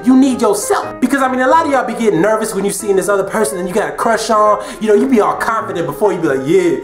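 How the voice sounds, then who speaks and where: A man giving a comedic vlog rant in slangy, animated street talk. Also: sits high, racing. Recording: roomy with music behind.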